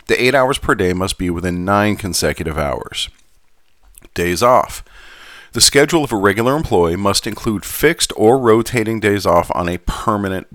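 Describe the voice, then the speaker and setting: A man voicing a genteel Southern gentleman who reads aloud in a measured, formal manner with a Southern US accent. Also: low voice, no echo, studio quality. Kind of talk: scripted reading.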